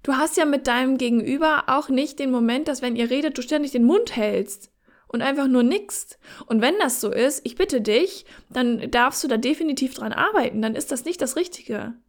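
A woman's voice: sits high, expressive, normal speed. A woman giving frank, encouraging relationship and sex advice, speaking straight to the listener and dropping in English phrases. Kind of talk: casual direct advice talk to listener.

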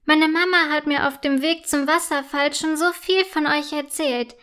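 A woman's voice: high voice, steady tone, normal speed, fairly bright tone, pitched above the performer's own voice. A woman voicing a curious, cheerful little unicorn foal who chirps eagerly in a children's story. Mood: chirpy.

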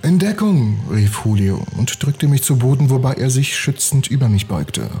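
A man reading a spooky bedtime story aloud for a podcast, in a calm, even way. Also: medium pitch, moderate pace, faint music behind.

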